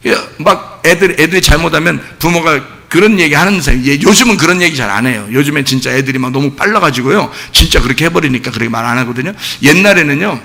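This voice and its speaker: A male pastor preaching a sermon, animated, with rhetorical questions, swinging between shouting and low asides. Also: quick pace, vocal fry, hardly any pauses. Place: church sanctuary. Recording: long church-hall reverb.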